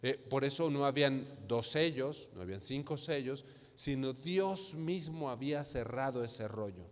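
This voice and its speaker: A man's voice: mid-range voice, lively intonation, normal speed. Mexican man preaching in a reverberant hall. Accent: Mexican Spanish. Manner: preaching with rhetorical questions, acting out imagined dialogues. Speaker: pastor. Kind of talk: sermon. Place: church hall. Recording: church sermon with long hall reverb.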